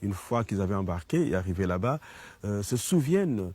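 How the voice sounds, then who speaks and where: A man's voice: on the low side, very animated, brisk, mellow, slightly rough, dry recording. A man giving an earnest personal opinion in a documentary interview, stumbling over repeated words.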